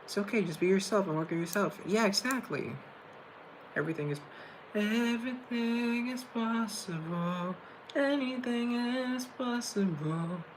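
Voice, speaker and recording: A young man from Colombia, unhurried and high-pitched, reads viewer comments from a laptop while hosting a casual livestream, thinking aloud and rambling. His laptop mic produces a rough recording with some background noise.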